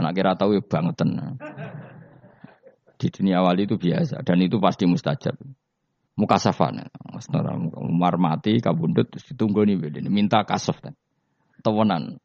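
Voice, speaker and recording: A man's voice: low-pitched, vocal fry, no room sound. A man giving a religious lecture, telling stories and asking the audience questions. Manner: lively storyteller, asks the audience questions. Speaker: Islamic preacher. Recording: dull lo-fi dry recording.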